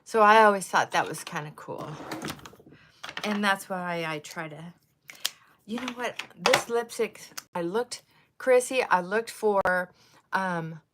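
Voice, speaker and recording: A woman in her sixties talks unhurriedly as she puts on her makeup, her voice sitting at an ordinary middle pitch. She rambles from thought to thought and now and then sinks into a soft murmur. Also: slow pace, background noise. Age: 60s. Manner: rambling, wandering off on tangents. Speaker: livestream host. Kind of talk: casual chat while doing makeup.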